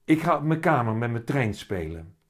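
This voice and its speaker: A man doing a high, excited little boy. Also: normal speed, natural voice. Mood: curious. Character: young boy, shy and eager. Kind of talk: reading a children's book aloud.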